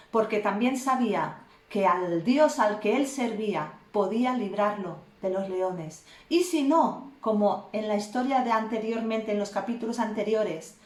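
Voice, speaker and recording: A woman from preaching a sermon, retelling a story slowly and with emphasis, repeating key phrases. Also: a little high. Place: church hall. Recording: echoey room.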